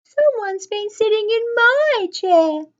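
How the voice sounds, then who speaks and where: A woman's voice: very high-pitched, animated, highs cut off, pitched above the performer's own voice, heavily acted. A woman voicing a mother bear who echoes the others in a medium voice. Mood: surprised. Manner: echoing, measured.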